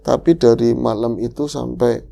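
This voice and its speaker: A man's voice: fairly even intonation, moderate pace, vocal fry, dark tone, faint music behind. A man, dramatically telling a first-person horror story as podcast host, acting out the quotes. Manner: dramatic, swings pitch and acts out quotes.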